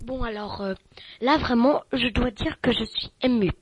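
A woman's voice: fairly high pitch, normal speed, husky, dry recording, low-quality recording. A woman hosting a mock radio show in an improvised comic sketch, scolding and swearing with many "hein" fillers.

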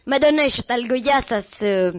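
A woman's voice: on the high side, normal speed, no room sound, low-quality recording. Exasperated, scolding mock radio host woman. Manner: exasperated scolding, swearing, many "hein" fillers. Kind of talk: improvised comic radio sketch.

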